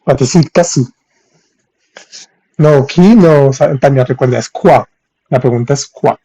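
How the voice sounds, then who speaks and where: A man teaching French in on a live stream, reading viewers' comments and saying French examples slowly. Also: mid-range voice, warm tone, husky. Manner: reads viewers' chat, thanks them for gifts, spells French slowly. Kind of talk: live-streamed language lesson.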